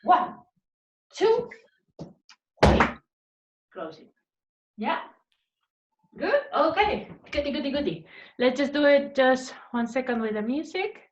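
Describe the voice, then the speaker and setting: A woman's voice: sits high, big pitch swings, measured pace, pauses often, slight background noise. A woman teaching an online flamenco class, chatty and encouraging as she counts out the steps. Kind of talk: online dance class instruction. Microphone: laptop mic on a video call. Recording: roomy, distant, lo-fi video call audio.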